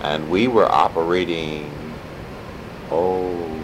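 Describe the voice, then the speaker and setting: An older man gives an oral history interview, reminiscing in a halting, deliberate manner. His voice is very low and his pace markedly slow. A clear rumbling hum runs behind him on the tape. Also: fairly even intonation. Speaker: interviewee, civil rights activist.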